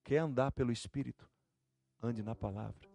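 A man preaching a sermon with a Brazilian Portuguese accent, swinging from soft musing to shouted fervor. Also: mid-range voice, moderate pace, creaky. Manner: colloquial, storytelling with acted prayers. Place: church.

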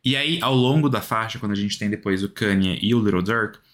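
A man's voice: fairly low pitch, fairly quick, a bit bright. A man co-hosting a casual music podcast, talking in a hesitant, rambling way with many restarts. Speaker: podcast co-host.

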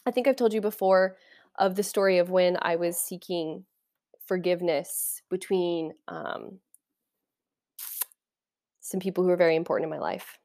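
A woman's voice: fairly low pitch, steady tone, normal speed, long pauses, mellow. Enthusiastic woman coach musing. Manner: enthusiastic, meandering, conversational. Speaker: podcast host and life coach. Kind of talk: casual spiritual talk.

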